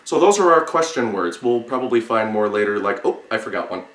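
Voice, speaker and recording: A man giving an instructional lesson, explaining step by step in a halting way and repeating single words with pauses. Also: fairly low pitch, lively intonation, fairly bright tone. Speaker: sign language teacher. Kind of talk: instructional lesson, demonstrating word by word. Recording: roomy, echoing sound.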